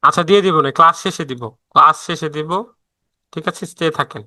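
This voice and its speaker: A man's voice: fairly high pitch, a little fast, sharp tone, no room sound. A man teaching a live online class in a casual, chatty way, stopping often to answer viewer messages, with many fillers and restarts. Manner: frequent fillers and self-restarts. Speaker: online freelancing instructor.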